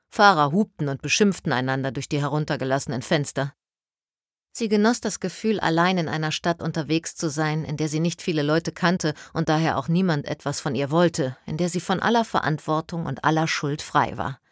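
Woman, low pitch, calm, even, audiobook narration, dry close mic. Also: no room sound.

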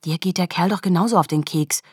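A sharp-tongued female detective speaks cheekily and impatiently, voiced by a woman reading the story. The low, dry voice sounds close to the reader's own, in a storybook reading. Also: quick pace, breathy edge, no room sound.

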